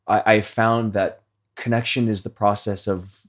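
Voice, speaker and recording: A man's voice: lowish voice, level tone, unhurried. A man hosting a podcast as a coach, talking earnestly and reflectively about his own experiences in a heartfelt conversation.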